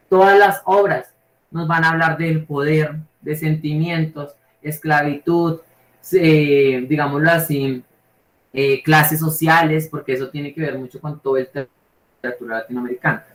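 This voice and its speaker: A man's voice: fairly high pitch, fairly bright tone. A man from Colombia with a Bogotá accent, teaching a literature class over a video call in an informal, rambling way, checking in with his students constantly. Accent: Bogotá Colombian Spanish. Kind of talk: live online class lecture. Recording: echoey room.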